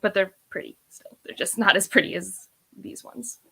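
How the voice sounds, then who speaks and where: Over poor audio, a woman in her thirties who vlogs about books talks on a read-along panel at a moderate pace. Her medium-pitched voice is gravelly, husky and sharp-toned, and her casual book chat is emphatic, rambling and opinionated.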